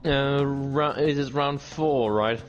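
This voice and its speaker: A man chatting casually about a sim race on a livestream, halting and full of fillers. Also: medium pitch, dull audio, soft background music. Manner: halting, with many fillers and restarts. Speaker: sim racing league driver.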